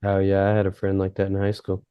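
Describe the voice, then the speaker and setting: A man's voice: sits low, completely flat delivery, fast talker, clear, resonant tone, no room sound. A man chatting on a podcast, telling easygoing stories with fillers and frequent laughs. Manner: easygoing storyteller, laughs often, many fillers. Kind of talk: casual chat. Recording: dull, muffled sound.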